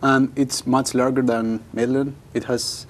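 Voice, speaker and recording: A young man from Spain speaks English with a Spanish accent in a mid-range voice. His answers are short and halting, with frequent restarts. He is recorded on a lapel mic in a small studio. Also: mid-range voice, level tone. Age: young adult. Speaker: exchange student.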